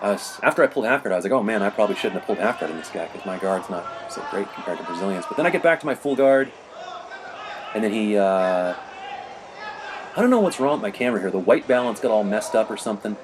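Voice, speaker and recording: Middle-aged guy talking over his fight video, lowish voice, keeps saying you know, hissy recording. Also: expressive, quick pace. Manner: rambling, conversational, peppered with "you know". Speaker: martial arts competitor narrating his match footage. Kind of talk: casual narrated commentary over video.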